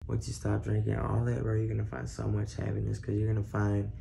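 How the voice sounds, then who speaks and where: A man's voice: lowish voice, monotone, fast talker, vocal fry, over loud music, a loud crowd. A young man hosting a vlog in casual, slangy chat, swearing and laughing often. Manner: slangy, profane, laughs a lot. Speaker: vlogger host.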